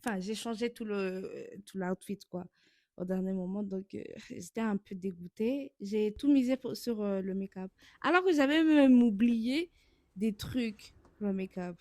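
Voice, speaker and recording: A woman's voice: medium pitch, a little slow, darkish tone, dry recording. Young woman, from Burundi, casual voice-over, self-mocking, dry close sound. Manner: candid, self-mocking, loose slang. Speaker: vlogger.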